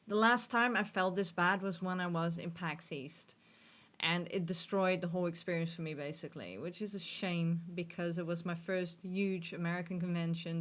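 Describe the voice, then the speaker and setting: Sitting in a gaming chair in a dim room, a woman in her thirties talks openly and earnestly to the camera for her personal vlog. She has a lowish voice and drops in self-deprecating laughs and false starts.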